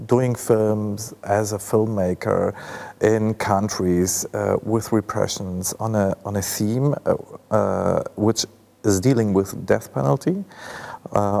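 Hosting a film conversation at a festival, a German-accented man in his forties asks careful, halting questions packed with fillers. His low-leaning, mellow voice carries vocal fry, and the setting is an ornate indoor hall.

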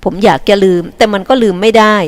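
A woman voicing a remorseful young man who speaks quietly and sorrowfully. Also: fast, faint music behind, close to an everyday voice.

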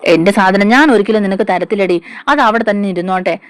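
A woman's voice: medium pitch, fast talker, clean tone, dry recording, studio quality, lightly acted. A woman voicing a hot-tempered young woman who harshly scolds a child, in a storybook retelling. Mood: angry scolding.

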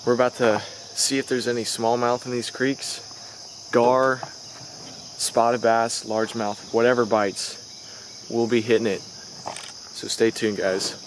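A teenage boy vlogging a fishing trip by a creek, chatty and excited, filmed on an action camera outdoors. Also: medium pitch, takes it slowly, noisy background. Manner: excited, chatty, says dude a lot. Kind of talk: casual outdoor vlog narration.

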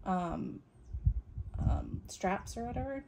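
A woman's voice: medium pitch, animated, slow, noisy background. A young woman chatting casually while doing her friend's makeup, laughing often with plenty of ums. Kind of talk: casual chat.

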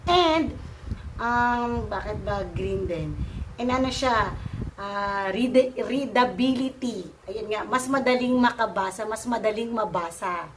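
A woman's voice: a little high, slow pace, crowd noise. A woman from the Philippines answering viewer questions in a playful, teasing way, laughing often. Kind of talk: casual Q&A vlog.

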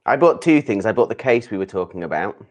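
A man with a low voice and an English accent chats as co-host. His delivery is that of a casual livestream conversation. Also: animated, fast. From Lake District, England.

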